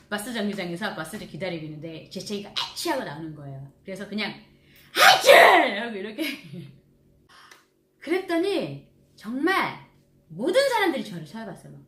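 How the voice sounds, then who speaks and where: A middle-aged woman chats through a casual vlog story. Her voice is bright and sharp, and her pitch swings widely and often. She laughs a lot and acts out other people's lines, and the room echoes around her. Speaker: vlogger.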